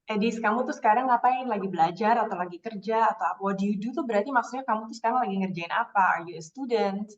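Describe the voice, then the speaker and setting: Lady english teacher, explains stuff then says phrases real slow, sounds far off and muffled. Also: mid-range voice. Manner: explains in Indonesian, slows down to model English phrases. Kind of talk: online English class.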